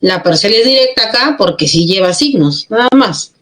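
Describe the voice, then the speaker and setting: A woman teaching a grammar lesson who explains step by step and keeps checking in with quick questions. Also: mid-range voice, expressive, fairly bright tone. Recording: echoey room.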